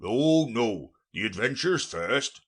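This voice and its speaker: Brief: man doing a ponderous, pompous Gryphon, loud, slow and husky. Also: fairly low pitch, animated, full character voice. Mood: solemn, impatient. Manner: solemn, slow and emphatic. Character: gruff, impatient mythical creature, the Gryphon.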